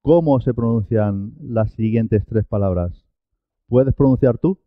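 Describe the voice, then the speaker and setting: A man's voice: mid-range voice, measured pace, dry recording, phone-quality sound. A man teaching a Spanish pronunciation lesson, carefully enunciating each sound and model word. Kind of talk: slow, clear pronunciation lesson.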